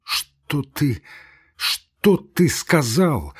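A man reading aloud, voicing a pompous, blustering older army doctor who speaks slowly and deliberately in a quavering voice. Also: on the high side, sing-song, breathy edge, pitched above the performer's own voice, exaggerated voice. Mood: indignant.

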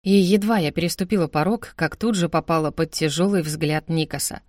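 A woman narrating a first-person romance novel in a measured, emotional reading. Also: low voice, fairly even intonation, a little mellow, no echo, clean studio sound. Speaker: audiobook narrator.

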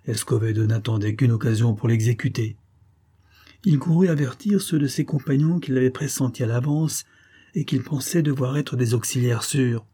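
A man reading a serialized adventure novel aloud in a measured, dramatic way. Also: mid-range voice, dark tone, breathy edge. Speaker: audiobook reader.

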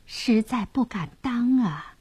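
A woman voicing a clever, bold young wife who turns coy and flattering, pitched above her own voice. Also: slow, breathy edge, no echo, exaggerated voice. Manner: defiant, then coy and flattering.

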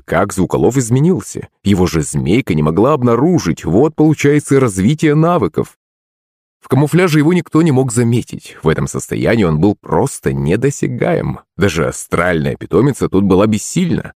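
A man narrating an audiobook in an expressive, conversational manner. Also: sits low, dry recording, studio quality.

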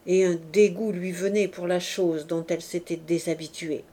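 A woman reading a classic novel aloud in a slow, measured narration. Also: fairly low pitch, fairly even intonation, warm tone. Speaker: audiobook reader.

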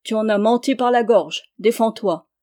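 A woman's voice: a little high, normal speed, a little mellow, natural voice. A woman reading as a furious young knight. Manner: indignant, challenging.

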